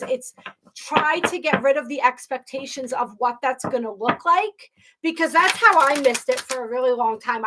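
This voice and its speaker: A woman hosts a live astrology and tarot stream, talking casually and effusively to viewers. She rambles, restarts often and sometimes sounds close to tears, in a high voice with background noise behind her.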